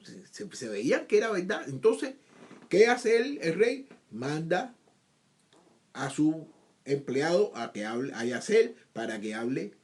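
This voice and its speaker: A man with a high, very lively voice leads a scripture lesson, reading a passage and then retelling it in his own words. He often repeats words and asks questions of his listeners. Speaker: Bible teacher.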